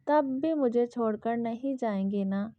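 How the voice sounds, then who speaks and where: A woman voicing a frightened, childlike young wife who pleads softly and then bristles, in a dull lo-fi recording. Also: a little high, no echo, lightly acted. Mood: fearful. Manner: timid and pleading, then indignant.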